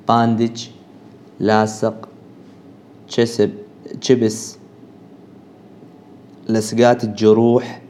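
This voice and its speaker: A man from Iran, a Persian native speaker, teaching as a language teacher. He reads a vocabulary list aloud one word at a time with short pauses, then explains. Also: fairly low pitch, darkish tone, slight background noise.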